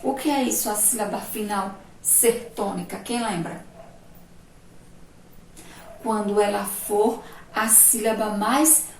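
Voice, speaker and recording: A woman with a Brazilian Portuguese accent teaching a remote primary-school lesson, explaining slowly and patiently and asking the class rhetorical questions. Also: on the high side, vocal fry, darkish tone, echoey room, far from the mic, a little hiss or hum, rough recording.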